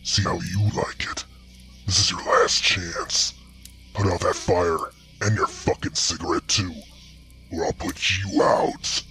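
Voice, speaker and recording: A man growling as a raspy old bear, low and menacing. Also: steady tone, takes it slowly, pushed and bright, soft background music, heavily acted. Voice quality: rough and raspy. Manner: snarling, threatening, low growl. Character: gruff old ragged male bear, menacing.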